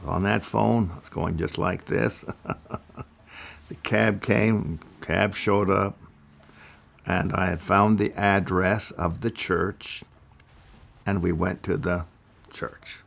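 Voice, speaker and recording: Older man from Idaho, gravelly, very slow measured storyteller. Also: low-pitched, steady tone. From Idaho, USA. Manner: deliberate, measured delivery with careful pauses. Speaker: speaker giving a personal testimony. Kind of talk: slow first-person storytelling.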